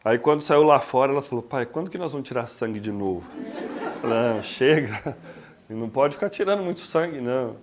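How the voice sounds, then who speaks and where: A man's voice: mid-range voice, brisk, a little hiss or hum. A man in his forties with a Brazilian accent, talking casually and reflectively, asking rhetorical questions and acting out small everyday scenes. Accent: Brazilian Portuguese. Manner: conversational and expressive, rhetorical questions, acts out little scenes. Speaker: speaker giving a reflection talk.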